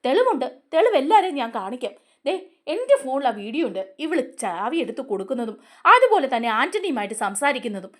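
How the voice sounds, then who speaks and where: An angry young man from a TV serial hurls accusations in a raised, lively voice, as a woman narrator acts him out. The voice sits high and swings widely in pitch. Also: fast talker, exaggerated voice. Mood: accusing.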